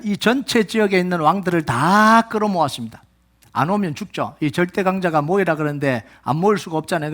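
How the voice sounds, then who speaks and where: A man's voice: fairly high pitch, a bit bright. A male pastor preaching a sermon in a church, acting out pleading prayers as his voice climbs in intensity. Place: church sanctuary.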